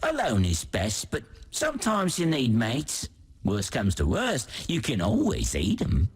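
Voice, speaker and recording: Bold heroic game hero, rough husky voice, pitch swinging all over, fierce loner, music behind. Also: male voice, wildly swooping pitch, unhurried, full character voice. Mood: bold, wry. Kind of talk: video game character voice lines.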